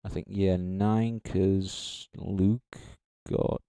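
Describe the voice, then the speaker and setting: A young man with a fairly low voice talks through his judging on a live stream. He rambles, corrects himself mid-sentence and swears without a second thought. The sound is close and dry. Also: little pitch movement, extremely slow, warm tone, clean tone, dry recording. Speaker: streamer judging beatbox entries. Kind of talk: casual live-stream commentary.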